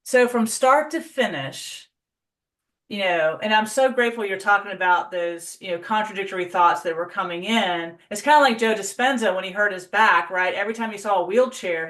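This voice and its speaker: A woman's voice: mid-range voice, moderate pace, fairly bright tone. A woman hosting an interview, affirming and encouraging her guest as she asks questions. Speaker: host.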